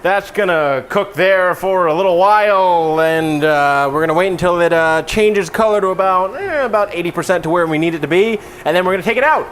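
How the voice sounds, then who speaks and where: A man's voice: high-pitched, a little fast, few pauses, a bit bright, a little hiss or hum. A man hosting a casual cooking tutorial in an offhand, self-deprecating, rambling way with trailing asides. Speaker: cooking show host.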